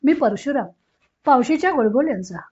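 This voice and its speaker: Woman voicing a humble young husband, polite and earnest, high voice, dull sound. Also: animated, fairly quick, darkish tone, husky. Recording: dull lo-fi recording.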